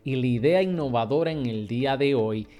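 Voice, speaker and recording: A man with a Puerto Rican accent hosting a podcast, talking to his listeners in an upbeat, energetic way. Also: mid-range voice, a little fast. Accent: Puerto Rican Spanish. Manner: upbeat, addresses listeners as "mi gente". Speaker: podcast host. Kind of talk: energetic podcast intro and interview.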